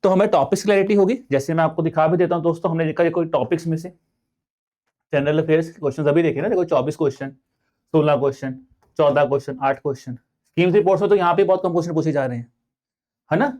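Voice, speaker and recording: In a fairly high, darkish voice and at a fast pace, a young adult man with an Indian accent delivers an online exam-prep lecture. He blends Hindi with English, treats his viewers like friends, and keeps throwing rhetorical questions at the students.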